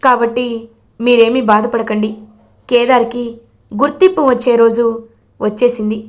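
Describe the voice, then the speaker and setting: A woman voicing a kind young woman who calmly reassures her family. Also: fairly high pitch, normal speed, lightly acted. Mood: reassuring. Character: kind young woman, calm sister-in-law.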